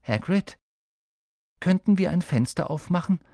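An eager young schoolboy, as a man reads him in an audiobook, his voice a little raised and keen. He asks his questions with lively, lifting intonation in a dry recording. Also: high-pitched, unhurried, dry recording, voice pushed up, heavily acted.

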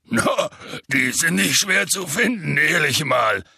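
A man voicing a huge, gruff male half-giant gamekeeper in an audiobook, with a deep, rasping voice and rough, folksy speech. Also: animated, slow, sharp tone, no echo, studio quality, exaggerated voice. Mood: grumbling. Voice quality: deep gravelly rasp. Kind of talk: audiobook character voice.

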